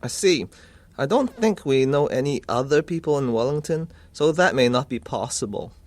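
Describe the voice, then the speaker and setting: A man acts the part of a polite uncle worried about his niece, inquiring for advice in a scripted listening-test dialogue with a polite, curious mood. His mid-range voice is animated and lightly acted at a normal speed.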